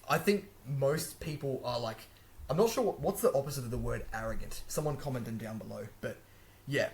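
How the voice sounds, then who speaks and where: With a gravelly, medium-pitched voice and a bit of background noise, a man chats to camera indoors about learning languages. He rambles, frequently backtracking and fixing what he's just said.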